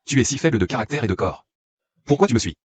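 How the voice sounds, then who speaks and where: A man playing a gruff, irritated, mocking young villager in a dubbed drama. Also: mid-range voice, animated, fast, background noise, lightly acted. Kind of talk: dubbed short-drama acting.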